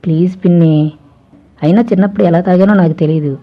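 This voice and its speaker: A woman's voice: fairly low pitch, fast talker, soft background music. A woman voicing a bashful young man of twenty who pleads and coaxes, in a dull lo-fi recording. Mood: sheepish pleading. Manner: coaxing, sheepish.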